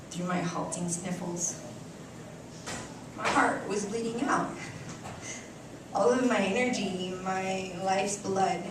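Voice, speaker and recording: On an indoor cafe stage before an audience, a woman performs a short story as a dramatic live literary reading, using theatrical, deliberate expression and dramatic pauses. Her medium-pitched voice is picked up from some distance in a very echoey room, with clear noise behind it.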